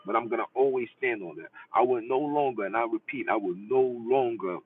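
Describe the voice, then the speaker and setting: A man's voice: medium pitch, brisk, husky. A man hosting a podcast in an impassioned monologue, emphatic and repetitive, preaching his points over and over. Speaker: podcast host. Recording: distant tinny phone-like audio with faint noise.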